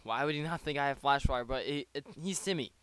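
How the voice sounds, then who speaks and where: A man talks through his own online battle in a loose, rambling play-by-play, breaking off for joking asides. His voice is smooth and clear, sitting at an everyday pitch. He is close on a desk microphone in a dry, dead-sounding space. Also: fast talker, a bit bright, dry recording. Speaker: league player.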